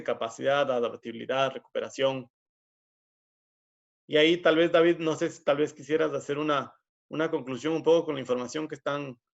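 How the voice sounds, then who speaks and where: A man's voice: medium pitch, gravelly. A man moderating an online workshop, speaking in a polite, organizing way over a video call. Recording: muffled lo-fi video call audio.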